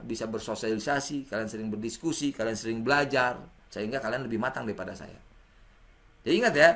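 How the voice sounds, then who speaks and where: A middle-aged man gives a lively classroom lecture, talking straight to his students. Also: medium pitch. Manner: lively, addresses students directly, acts out examples.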